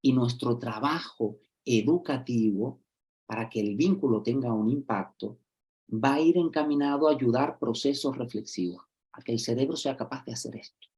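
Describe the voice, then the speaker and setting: A male social educator gives a talk to fellow educators over a video call, speaking at normal speed in a mid-range voice. He's lively, acting out little example scenes in different voices, and he keeps checking that listeners are following with "¿vale?" and "¿sí?".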